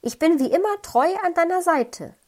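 Woman voicing a teasing male owl for a children's storybook, high and bright, smug playful temper. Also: lively intonation. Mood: cheeky. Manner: quick-witted, teasing.

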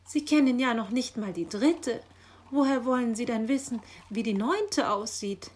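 A woman's voice: mid-range voice, a little slow, slightly rough. A woman voicing a fussy, chattering female magpie postmistress in a children's audio story, eager and easily flustered. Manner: eager, flustered, rising excited lines.

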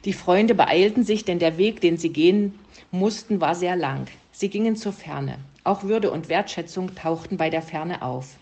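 Woman calmly reading a story aloud. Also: on the low side, normal speed. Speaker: reader.

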